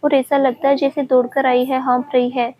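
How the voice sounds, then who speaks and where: A woman's voice: high voice, monotone, moderate pace, dark tone, slight background noise, natural voice. A woman voicing an anxious, protective mother who keeps asking questions. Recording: dull lo-fi recording.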